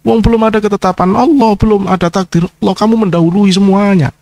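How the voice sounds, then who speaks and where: A man giving an informal sermon as a kiai, scolding and mocking his listeners, sliding from low murmurs into sharp high outbursts. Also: steady tone, fast talker, dry recording. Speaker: kiai, Islamic preacher.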